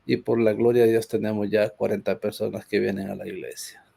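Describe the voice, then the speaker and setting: Gravelly, mellow-voiced pastor from Honduras. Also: male voice, fairly low pitch, flat delivery, brisk. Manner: earnest, hesitant with fillers. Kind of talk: conversational church talk.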